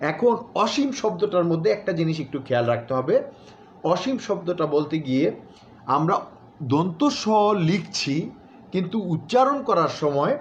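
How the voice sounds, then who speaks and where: Instructor drilling words slowly. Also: male voice, on the high side. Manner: repeats example words slowly and deliberately, with many filler sounds. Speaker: recitation and newsreading instructor. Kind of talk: pronunciation lesson. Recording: dull, slightly noisy home recording.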